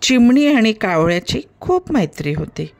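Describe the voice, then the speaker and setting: A woman narrating a children's story in a gentle storytelling manner, speaking to young listeners. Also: a little high, big pitch swings, moderate pace.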